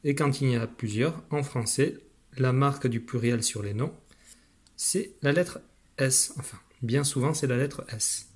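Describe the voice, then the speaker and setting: A man's voice: medium pitch, unhurried, breathy edge. Patient male teacher coaching a child. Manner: patient, encouraging, addresses the child directly. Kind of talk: phonics lesson for young children.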